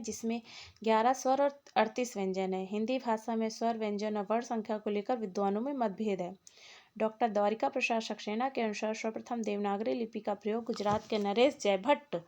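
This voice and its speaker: A woman's voice: on the high side, normal speed, a little mellow. A woman teaching an exam-prep lesson, explaining points one by one and reading out lists of words. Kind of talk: exam-prep lecture on Hindi linguistics.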